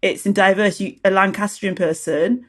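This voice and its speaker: A woman born in South Sudan, a teacher and activist, answering an interview earnestly in halting phrases. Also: mid-range voice, fairly even intonation. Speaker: guest, teacher and community activist.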